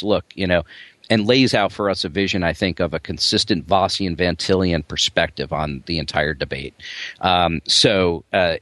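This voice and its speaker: A man with a New Jersey accent talks through a journal issue in casual podcast chat. His voice sits low, and he stumbles along with frequent fillers and restarts. The sound is very dry and close. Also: fairly bright tone, dry recording. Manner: halting, many fillers and restarts.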